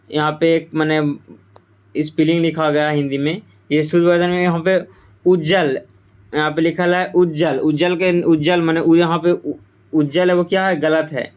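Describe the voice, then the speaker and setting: A man's voice: on the high side, level tone, normal speed. A man teaching an exam-prep Hindi grammar lesson, repeating each answer and quizzing the class. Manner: repeats answers with quiz-style questions to the class.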